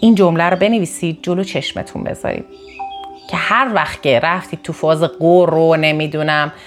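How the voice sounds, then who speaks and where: Woman, from northern Iran, motivational talk, fairly low voice, sudden emphatic pitch rises, restarts mid-sentence, faint music behind. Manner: repeats and corrects herself mid-sentence. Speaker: motivational speaker. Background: faint background music.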